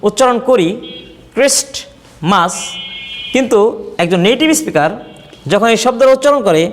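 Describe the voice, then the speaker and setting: A man with a Bangladeshi accent teaching a spoken English lesson, slowly repeating example words to contrast how they are pronounced. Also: very high voice, a bit bright. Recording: long reverb.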